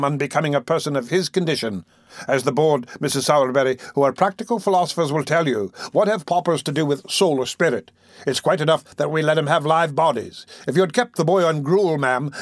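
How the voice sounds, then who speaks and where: A man's voice: on the high side, dry recording, studio quality. A man voicing a pompous, blustering middle-aged parish beadle in an audiobook, full of self-importance. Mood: stern.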